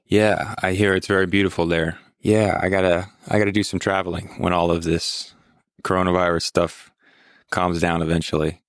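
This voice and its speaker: A man's voice: deep voice, level tone, normal speed, no echo, clean studio sound. A man chatting casually as a podcast host, with informal, laid-back phrasing. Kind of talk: casual interview chat.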